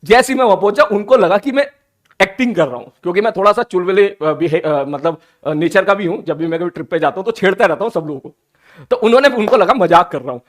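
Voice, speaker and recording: A male teacher tells his students a story in an animated, teasing way, slipping English phrases into his talk. His voice sits high and he talks fast.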